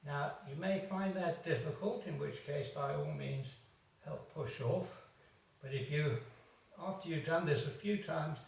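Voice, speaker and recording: A man, a doctor, slowly coaching home exercises while demonstrating them, a little out of breath. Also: on the high side, gravelly. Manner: slow, encouraging, demonstrating while talking. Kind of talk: instructional exercise video. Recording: echoey room, far from the mic.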